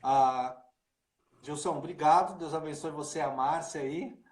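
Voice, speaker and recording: Speaking at a measured pace, this man has a fairly high voice and runs a casual video-call livestream as a pastor. His talk is loose and chatty, packed with né and cara, and the recording carries room echo.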